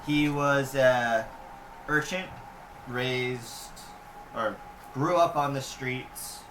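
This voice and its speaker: A man's voice: mid-range voice, extremely slow, a bit bright, far from the mic. A man talking casually as a player at a tabletop game. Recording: noisy echoey room recording.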